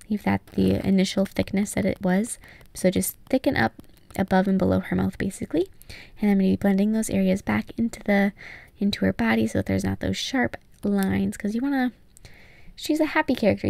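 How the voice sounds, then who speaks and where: A woman's voice: mid-range voice, vocal fry, darkish tone, dry recording. A young woman giving casual, step-by-step tutorial narration as the host. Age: young adult. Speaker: nail art tutorial host.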